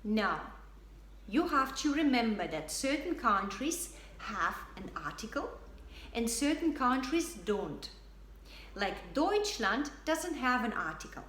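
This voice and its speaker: Slow, lively German-accented woman teacher. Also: on the high side. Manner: repeats words slowly and deliberately for learners. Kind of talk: slow, clearly spoken language lesson. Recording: echoey room with faint background noise.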